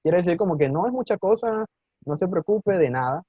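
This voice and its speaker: A man teaching a live online Mandarin class, patient and encouraging, often checking in with his students and sounding out words slowly and clearly. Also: high voice, animated, no echo, highs cut off.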